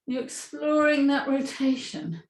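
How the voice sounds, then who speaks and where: A woman yoga instructor guiding a movement class with gentle, encouraging cues. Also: sits high, a little slow. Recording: echoey room.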